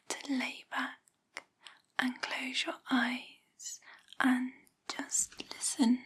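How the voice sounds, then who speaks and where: A woman's voice: sits high, husky. Woman's whispered role-play, right in your ear. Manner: gentle, slow and soothing, giving step-by-step instructions. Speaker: examiner giving a gentle sensory test.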